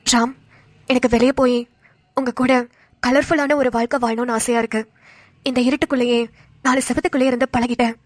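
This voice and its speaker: A woman's voice: fairly high pitch, steady tone, a little fast, pauses often, no room sound, lightly acted. A woman voicing a pleading young cartoon woman. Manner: soft pleading. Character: yearning young woman kept indoors.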